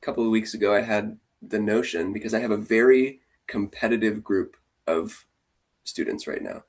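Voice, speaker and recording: A man who teaches martial arts, chatting casually and telling animated stories, often acting out what his students say. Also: fairly low pitch, normal speed, breathy edge. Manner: animated, acts out the kids' voices. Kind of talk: casual storytelling conversation.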